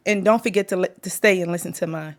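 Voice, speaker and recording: A woman's voice: fairly low pitch, fast talker. Chatty, playful podcast host woman. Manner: chatty, playful, laughs often. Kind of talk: casual chat.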